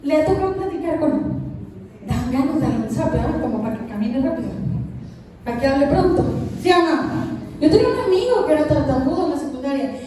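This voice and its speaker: High-voiced woman preaching. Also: fast, background noise. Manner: asks the congregation questions, animated. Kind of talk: sermon. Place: church hall. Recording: echoey hall, mic at a distance.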